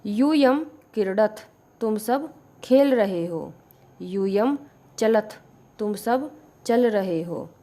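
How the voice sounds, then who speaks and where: A woman teacher, slowly explaining Sanskrit grammar and repeating each sentence with its meaning. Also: mid-range voice, animated, dark tone. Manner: slow, deliberate, repeats each sentence with its translation.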